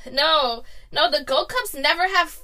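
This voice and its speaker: A woman co-hosting a podcast in casual chat, giggly and talking in quick bursts. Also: high voice, crowd noise. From New Orleans. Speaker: podcast co-host.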